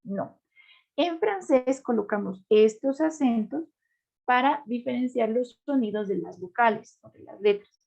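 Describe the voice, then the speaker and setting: Slow, gravelly woman teacher. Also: fairly high pitch, lively intonation, darkish tone. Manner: patient, repeats words slowly for drilling. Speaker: French teacher. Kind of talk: teaching a beginner language class. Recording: dull lo-fi sound.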